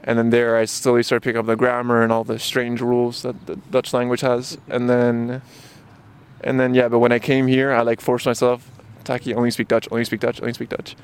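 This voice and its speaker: This mid-range voice is monotone, brisk, clear and resonant. It belongs to a man in his twenties, Japan-born and raised in Luxembourg and Barcelona, chatting casually as an interview guest outdoors in a park with lots of fillers and restarts.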